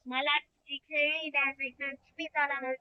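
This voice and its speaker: A woman voicing a ghost girl who claims the place as hers and demands toys, with a slow, eerie drawl. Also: sits high, flat delivery, lo-fi sound. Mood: menacing.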